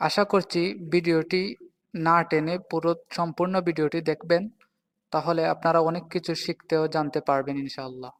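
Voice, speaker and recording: A man teaching Quran recitation, explaining pronunciation and slowly chanting the verses in a drawn-out melodic style. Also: a little high, steady tone, fairly bright tone. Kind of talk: explaining recitation mistakes in Bengali. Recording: long reverb and faint music.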